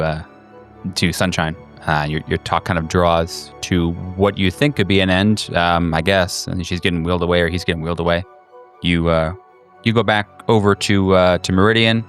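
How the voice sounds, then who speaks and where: A man improvising tabletop game narration as game master, halting as he searches for words. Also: sits low, fairly even intonation. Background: soft music.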